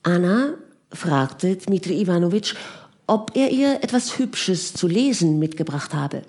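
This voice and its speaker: Slow, calm woman narrating an audiobook. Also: on the low side. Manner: calm, measured. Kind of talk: scripted narration.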